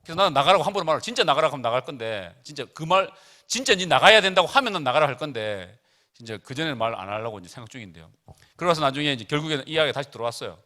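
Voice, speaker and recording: Male preacher, middle-aged, casual youth sermon, bright lively voice. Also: a little high, very fast. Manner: animated, chatty, tells jokes and family stories. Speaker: preacher at a student retreat.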